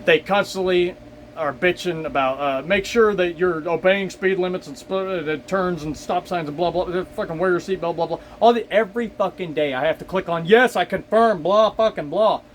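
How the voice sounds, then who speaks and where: A man's voice: high-pitched, moderate pace, slight background noise. A man, a delivery driver, talking to camera in a casual, exasperated, profanity-heavy rant. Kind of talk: casual ranting monologue.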